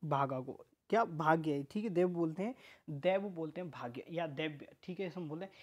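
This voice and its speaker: A man's voice: fairly high pitch, brisk, darkish tone. A man teaching Hindi word pairs in a casual online lesson, repeating each word again and again and adding friendly asides to his students, with a Rajasthani Hindi accent. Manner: repeats words many times, chatty asides to students.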